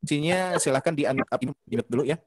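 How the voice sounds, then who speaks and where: A man's voice: a little high, a crowd in the background. A man teaching Quran recitation in an online class, patiently walking students through a melody step by step. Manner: patient, repeats melody drills slowly and sings the tones. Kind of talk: online class over video call. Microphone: video call.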